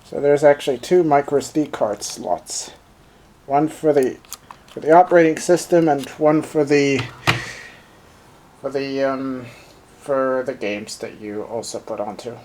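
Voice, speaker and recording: This German-born gadget reviewer unboxes a handheld while thinking aloud in accented English, leaning on plenty of fillers. He has a medium-pitched, dark-toned voice, with a little hiss or hum in the recording.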